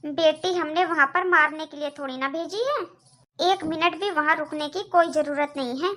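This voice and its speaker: A protective middle-aged mother frets over her daughter in this cartoon, as a woman voices her. The voice is high and bright. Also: moderate pace. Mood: worried. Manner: worried, fussing. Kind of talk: cartoon voice acting.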